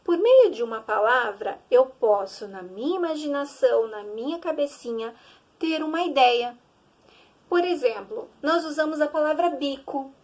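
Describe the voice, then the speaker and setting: A young woman teacher with a Brazilian accent, giving an early-grade reading lesson in slow, sing-song talk that stretches out syllables. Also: high voice, lively intonation, darkish tone. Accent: Brazilian Portuguese.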